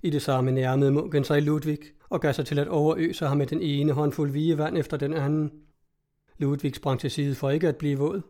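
A man reading a story aloud in an even, measured way. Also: on the high side. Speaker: narrator. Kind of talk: audiobook narration.

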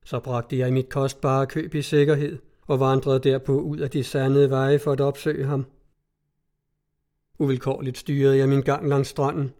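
A man reading a literary story aloud in a measured, even storytelling manner. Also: mid-range voice. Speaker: audiobook reader. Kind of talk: scripted literary narration.

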